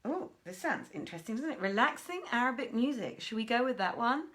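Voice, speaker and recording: On the high side, animated and a little fast, a woman hosts a live online reading from her home room with a desk and piano. She chats and mutters to herself with an apologetic manner while soft background music plays on the stream.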